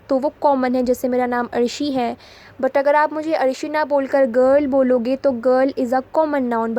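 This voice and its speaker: A woman teaching English grammar in a Hindi lesson, explaining patiently and reading example sentences slowly. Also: high voice, mellow. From India.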